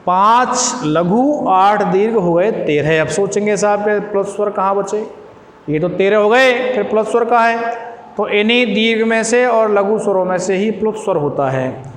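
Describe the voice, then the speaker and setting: A man teaching a school lesson, speaking slowly and repeating phrases as if dictating notes. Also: high-pitched. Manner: slow, repetitive dictation pace. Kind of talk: classroom lesson. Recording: echoey classroom with long reverb, faint noise.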